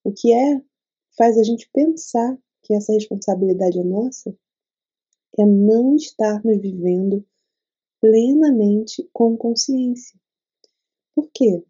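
A Brazilian woman leading a spiritual talk and guided meditation, speaking in an unhurried, soothing way with pauses between short phrases. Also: a little high, dark tone, breathy edge, dull audio.

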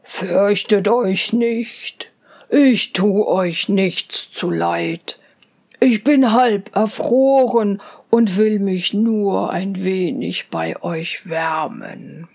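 A woman voicing a large, gentle male bear in a fairy tale reading, speaking slowly and low, trailing into whispers. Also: gravelly, full character voice. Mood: reassuring.

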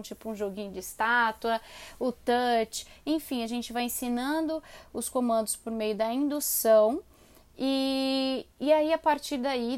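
Lady talking dog training, high voice, chatty, acts out commands. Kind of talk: casual explanatory talk.

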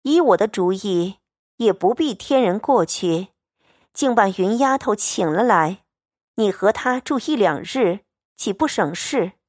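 A woman reading the part of a composed, tactful young noblewoman who explains herself calmly in a storybook reading. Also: mid-range voice, measured pace, dry recording, clean studio sound.

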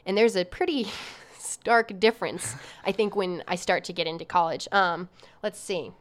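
A woman's voice: fairly low pitch, normal speed. Young woman asking questions, podcast chat. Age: young adult. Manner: upbeat, asks lots of questions. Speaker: podcast co-host. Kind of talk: casual chat.

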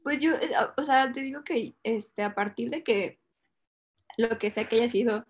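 A woman's voice: on the high side, measured pace, breathy edge. Hesitant young Mexican woman. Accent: Mexican Spanish. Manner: hesitant, many fillers and nervous laughs. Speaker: guest telling a personal story. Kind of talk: casual chat.

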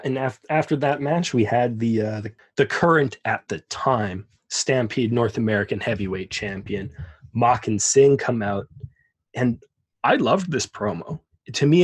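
A man's voice: lowish voice, husky. A man co-hosting a podcast, chatting casually and enthusiastically about wrestling. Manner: enthusiastic, rambling with restarts. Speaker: podcast co-host.

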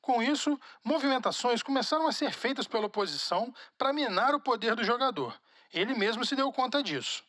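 A man reading scripted sports documentary narration in an animated presenter's delivery. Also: very high voice, fairly quick, no echo, studio quality.

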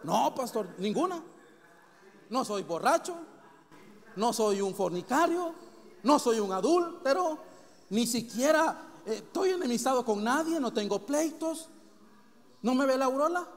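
Brief: a boastful, defensive churchgoer who swears he's blameless, put on by a high-voiced preacher in a reverberant hall. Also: animated, measured pace, pauses often, full character voice. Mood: smug. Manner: boastful denials, protests innocence. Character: smug self-righteous male churchgoer, defensive.

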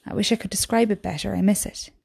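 Woman voicing a weary young mother, tender, earnest, mellow, gravelly. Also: mid-range voice, fairly even intonation, fast. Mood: longing. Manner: earnest, patient.

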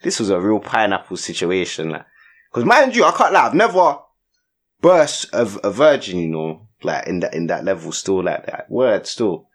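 A man's voice: on the low side, very animated, moderate pace. A young man with a London accent telling a story in casual chat, heavy on street slang and tag questions. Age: young adult.

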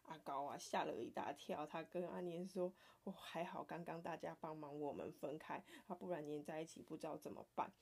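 A woman with a Taiwanese Mandarin accent reading a picture book aloud to her child, playful and animated, sometimes dropping to a soft whisper. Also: low voice, a little fast, vocal fry, hardly any pauses.

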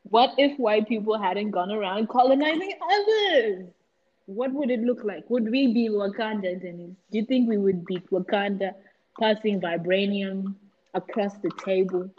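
A young woman co-hosting a podcast, playful and quick to tease her partner. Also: medium pitch, dull audio. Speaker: podcast co-host. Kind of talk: casual chat.

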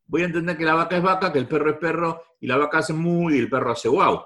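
A man's voice: on the high side, fast talker, fairly bright tone. A man with a Rioplatense Spanish accent giving a repetitive, emphatic talk to a live audience. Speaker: motivational speaker.

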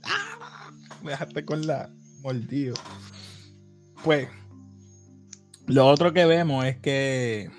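A man's voice: medium pitch, sing-song, slow, pauses often, soft background music. A man co-hosting a casual anime talk show, joking and acting out character lines. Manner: playful, acts out character quotes. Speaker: podcast co-host.

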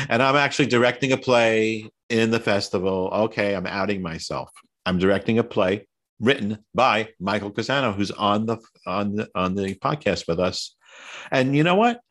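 A man's voice: lowish voice, a little slow, a bit bright. A man from Long Island with a Long Island New York accent, hosting a casual podcast interview in a jokey, self-mocking, chatty way. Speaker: podcast host.

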